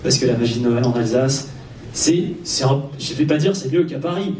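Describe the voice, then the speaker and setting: A medium-pitched man with a warm tone hosts a live fan event before an audience in a cinema auditorium, speaking at normal speed. He keeps the stage interview casual with playful, teasing banter, while the recording carries hall echo, a distant mic, and the murmur of the crowd.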